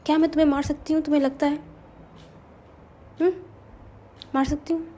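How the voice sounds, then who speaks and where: A murdered young woman's ghost pleads in a high, soft voice, stammering as she insists she did no harm, as a woman storyteller puts her on. The tone is mellow and dark. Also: level tone, fairly quick, natural voice. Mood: insistent.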